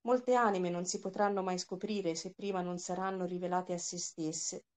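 Lady reading as a calm wise old prophet guy, lowish voice, slow and measured. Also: natural voice. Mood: solemn. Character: wise solemn male prophet, older.

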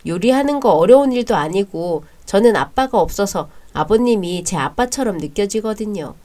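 A polite young bride-to-be speaks softly and kindly and narrates her own story in a radio drama, played by a woman. Her pitch is plain and mid-range. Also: animated, moderate pace, lightly acted. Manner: polite and soft-spoken.

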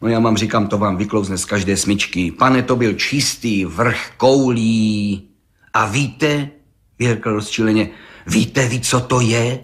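Man reading as an excitable village gendarme. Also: lowish voice, lightly acted. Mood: excited. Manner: rambling, eager, breathless storytelling. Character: excitable boastful male village gendarme, middle-aged. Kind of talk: audiobook reading.

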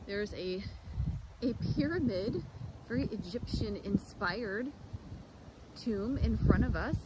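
A woman's voice: medium pitch, lively intonation, takes it slowly. Chatty woman on a windy walk. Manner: chatty, addresses viewers as "guys". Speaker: vlogger giving a walking tour. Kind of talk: casual walking-tour narration. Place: outdoors in a cemetery on a windy day. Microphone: phone camera held while walking. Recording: loud wind and outdoor noise.

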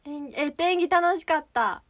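Young Kansai woman, high bright voice, livestream host, chatty and rambling. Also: normal speed. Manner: chatty, rambling, searching for words. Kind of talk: casual livestream chat.

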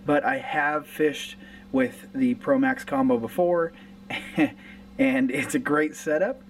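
A man's voice: on the high side, slow, distant mic, slight background noise, rough recording. A man in his thirties chatting casually to camera about fishing gear in his home garage late at night, with fillers and restarts. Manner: relaxed, rambling with fillers and restarts. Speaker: fishing vlogger. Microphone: camera close in front, handheld at times.

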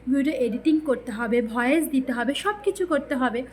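A woman's voice: sits high, expressive, a little fast, slight background noise. A woman talking casually to her viewers, rambling and chatty with many fillers and restarts. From West Bengal, India. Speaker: lifestyle vlogger.

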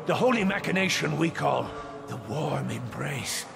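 In a video game cutscene, an actor gives a heavily acted performance as a grandiose male cult preacher leading a fire-worshipping flock. His voice is a little high, animated and creaky, and he preaches unhurriedly, swinging sweepingly between loud and hushed. Loud score music plays behind him.

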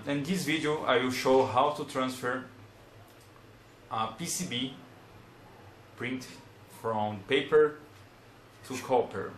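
There's an echoey room and a little hiss or hum around this young Brazilian hobbyist in his twenties, who gives a casual how-to at a desk in a small room. He speaks English as a second language with a Brazilian Portuguese accent, plainly and unhurriedly, searching for words, in a medium-pitched, slightly bright voice.

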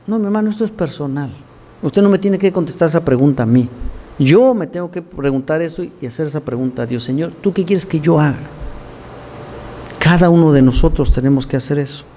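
A man preaching from the pulpit in a somewhat high but mellow, warm voice. He is earnest and direct with his congregation and slips in dry, wry asides. Faint noise sits behind him in the church. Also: fast talker. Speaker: pastor. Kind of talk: sermon.

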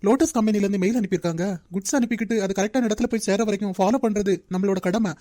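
A strict young cartoon manager, as a woman voices him, lecturing at a quick clip. The tone is dark and mellow, and the sound is close and dry with no room around it. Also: mid-range voice, dry recording, lightly acted. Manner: brisk, lecturing. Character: young male company manager, strict and demanding. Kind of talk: Tamil cartoon dub.

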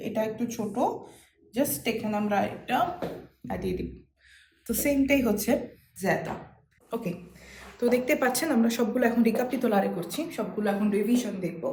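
Woman teacher going slow over letters, echoey room, bit of hiss. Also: on the high side, a little mellow. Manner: patient, repeats sounds slowly while writing on a board. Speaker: language teacher. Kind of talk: casual classroom explanation. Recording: echoey room with faint noise.

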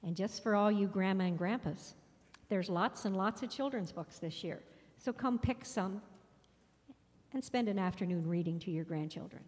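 A woman's voice: mid-range voice, moderate pace, a little mellow. A middle-aged woman reading a prepared announcement at a church podium microphone, cheerful with rhythmic lists. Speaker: fair organizer. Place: large church sanctuary. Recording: long reverb in a church hall.

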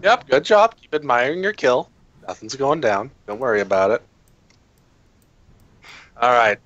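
A man's voice: mid-range voice, expressive, a little slow, a bit bright, dry recording. Guy in an online game session, casual n hesitant, dull dry mic sound. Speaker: tabletop game player.

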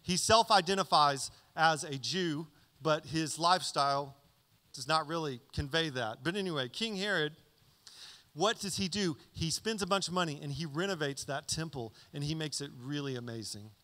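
A pastor in his thirties, his voice a little high and his pace moderate, preaches a conversational sermon into a handheld mic on a church stage. His teaching is animated and he keeps checking in with "okay?", all captured in a reverberant church hall.

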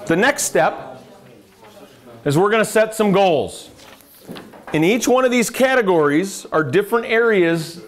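Man, American accent, middle-aged, live seminar lecture, dry sarcastic asides, fairly high-pitched. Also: expressive, measured pace, pauses often. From United States. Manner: conversational, quizzes the room, dry sarcastic asides. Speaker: financial adviser teaching a seminar.

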